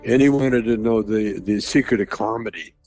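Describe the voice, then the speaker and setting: A man's voice: fairly low pitch, moderate pace, gravelly, darkish tone, soft background music. A man telling rambling comedy stories in a casual chat and chuckling through them. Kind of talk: casual storytelling.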